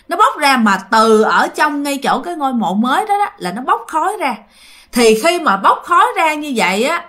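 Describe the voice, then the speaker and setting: A woman's voice: a little high, bright, forceful tone. Chatty Southern Vietnamese woman storyteller. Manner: chatty, addresses listeners directly, many fillers. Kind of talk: casual ghost story narration.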